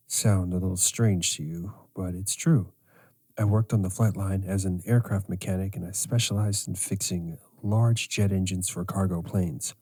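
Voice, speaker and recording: A middle-aged man hosting a podcast as a sleep coach, speaking in a slow, measured way. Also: deep voice, mellow. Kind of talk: scripted podcast monologue.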